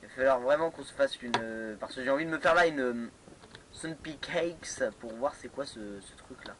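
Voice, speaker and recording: A man's voice: mid-range voice, normal speed, background noise. A man giving casual let's play commentary on a modded game, hesitant, with many fillers and restarts. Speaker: gamer playing a modded block-building game.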